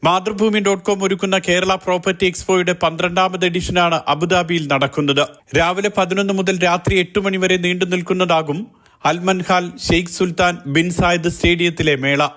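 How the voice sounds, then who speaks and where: Man, news reporter, scripted narration, fairly high voice, even formal delivery. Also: normal speed.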